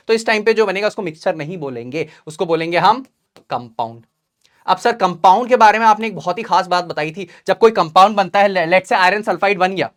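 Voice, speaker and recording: A man's voice: high-pitched, a bit bright. A young man teaching a revision lesson, asking rhetorical questions and checking in often with his students. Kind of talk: exam revision lesson mixing Hindi and English.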